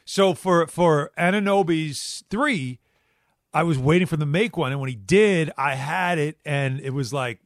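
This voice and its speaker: Middle-aged man, fifties, higher voice, animated emphatic sports talk host, casual, dry close sound. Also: unhurried, no echo. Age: 50s.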